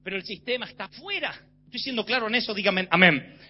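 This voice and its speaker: Emphatic high-voiced preacher. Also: male voice, lively intonation, fast talker. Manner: emphatic, rising to shouts. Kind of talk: sermon. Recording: slightly dull with faint hum.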